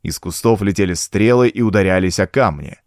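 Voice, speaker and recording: A man's voice: deep voice, brisk, a little mellow, dry recording, clean studio sound. A man narrating an adventure audiobook with dramatic storytelling.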